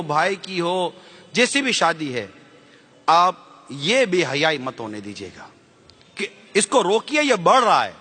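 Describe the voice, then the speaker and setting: A man's voice: sits high, pushed and bright, big-room sound. A man preaching with passion to an audience, firing rhetorical questions at them and slipping English words into his speech. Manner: fiery rhetorical questions to the listeners. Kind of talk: impassioned sermon.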